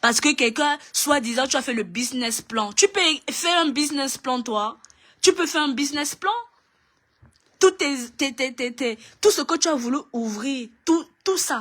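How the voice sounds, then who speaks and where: A woman's voice: high-pitched, a bit bright. A woman ranting in a video, scolding and mocking with lots of repetition. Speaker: online commentator.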